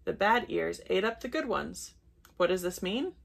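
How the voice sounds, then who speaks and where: A woman reading as a husky, creaky-voiced storybook king. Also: medium pitch, lively intonation, normal speed. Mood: puzzled. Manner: reads the king's lines plainly, near her own voice. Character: Egyptian king, grown man, commanding.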